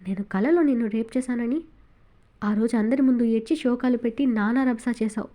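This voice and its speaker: A woman voicing a teasing, quick-tempered young man in a romance audiobook, her reading lightly shaded. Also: on the high side, dark tone, natural voice. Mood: scolding. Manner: teasing, scolding.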